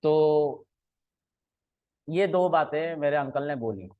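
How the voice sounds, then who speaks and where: A man's voice: a little high, slow pace, smooth. A man giving a casual programming lesson, telling a personal story in a conversational way, often checking in with his listeners and mixing English phrases into his talk. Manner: conversational, frequent "ठीक है" and "है ना" checks; mixes English phrases into Hindi. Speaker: programming teacher. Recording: tinny phone-like audio.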